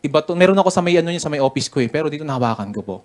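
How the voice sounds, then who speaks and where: A man's voice: on the high side, animated, rapid-fire. A Filipino man, a business mentor, giving a chatty, joking motivational talk full of stories and laughter. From Philippines. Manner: chatty, jokey, laughs while telling stories. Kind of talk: motivational story-telling talk.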